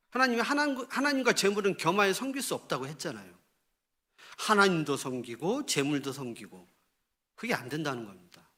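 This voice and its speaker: A male pastor delivers a Sunday sermon in a bright, fairly high voice that swings widely in pitch. He reads scripture at a slow, measured pace. He then bursts into animated exclamations and puts rhetorical questions to his listeners. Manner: asks the congregation rhetorical questions.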